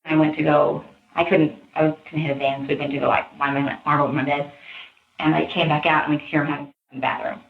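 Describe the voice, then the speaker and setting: A woman being questioned by detectives, telling what she saw in animated, pressured speech. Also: low voice, quick pace. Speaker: witness in police interview. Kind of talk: recounting events to detectives. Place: police interview room. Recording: echoey interview room, phone-like audio.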